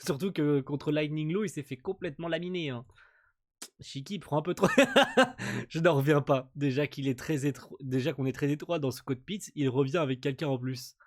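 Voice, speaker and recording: A man hosting a casual manga chapter reaction, excitable, swearing and laughing as he reads panels aloud. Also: a little high, moderate pace.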